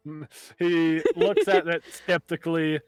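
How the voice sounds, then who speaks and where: A man's voice: on the high side, steady tone, unhurried, smooth, dry recording, clean studio sound. A man acting as game master, narrating a tabletop game in a casual, improvised way.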